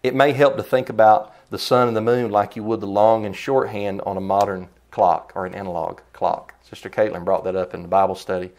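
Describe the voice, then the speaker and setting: A man preaching a sermon in an emphatic style, his voice jumping up in pitch and loudness to stress points. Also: level tone, fairly quick, hardly any pauses.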